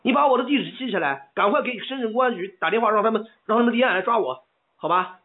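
A man's voice: high-pitched, fast, breathy edge. A man on a phone call, arguing angrily and stammering as he repeats his points over and over. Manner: angry, stammering, repeats himself insistently. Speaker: caller complaining by phone. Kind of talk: heated phone argument. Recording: tinny phone line.

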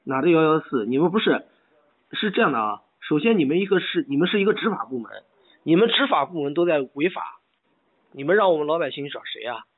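A caller argues angrily on the phone, stammering and hammering the same points again and again. He speaks fast in a husky, sing-song voice of fairly high pitch, and the line sounds tinny.

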